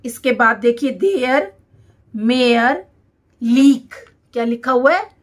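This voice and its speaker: A woman with a high voice teaches a dictation lesson at a very slow pace. She says each English word on its own and often repeats it so learners can write it down. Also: expressive.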